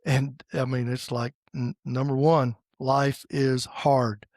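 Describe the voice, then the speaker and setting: A man in his sixties from the United States, hosting a podcast in a casual faith conversation and pausing often with fillers and restarts. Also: mid-range voice, little pitch movement, darkish tone, no room sound, studio quality. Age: 60s. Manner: halting, with many fillers and restarts. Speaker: podcast host.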